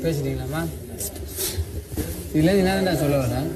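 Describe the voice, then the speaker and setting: A man's voice: fairly high pitch, normal speed, very noisy. A man bluntly dismissing someone's performance in a group argument. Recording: loud crowd of people around.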